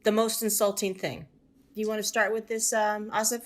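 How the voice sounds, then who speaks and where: A woman on a video call, briskly moderating a panel and asking questions. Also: medium pitch, little pitch movement.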